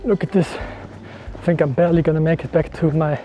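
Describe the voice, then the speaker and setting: A man's voice: on the high side, fairly even intonation, fairly quick, muffled recording, faint music behind. A man vlogging outdoors on a mountain trail through a small action camera, chatting casually and thinking aloud with little laughs. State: out of breath. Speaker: photography vlogger. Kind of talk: casual vlog narration while hiking.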